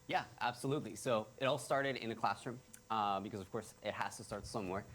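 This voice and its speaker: A man's voice: lowish voice, fast, fairly bright tone, slight background noise. A young man from Ecuador, a college senior, talking earnestly in a casual interview. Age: young adult. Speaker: college student.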